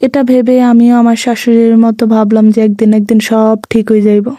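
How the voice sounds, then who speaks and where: A young woman with a Noakhali Bengali accent tells a dramatic first-person story in a plaintive voice. She talks fast on a rather high, mellow pitch with a narrow, flat melody. The sound is close and dry. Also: dry recording. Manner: plaintive, tearful-sounding retelling.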